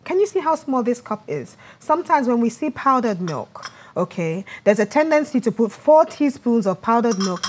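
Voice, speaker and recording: A woman's voice: on the high side, very animated, normal speed, few pauses, darkish tone. A woman speaking as an etiquette coach on a lifestyle show, giving conversational, instructive advice on dos and don'ts. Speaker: etiquette coach, guest expert.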